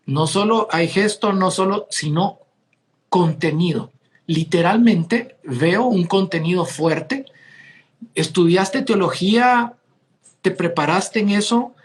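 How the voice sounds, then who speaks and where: A man hosts an interview podcast, speaking in a relaxed, conversational way. He reacts with eager enthusiasm and praises his guest often. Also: high-pitched, slow pace. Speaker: podcast host. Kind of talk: casual interview talk.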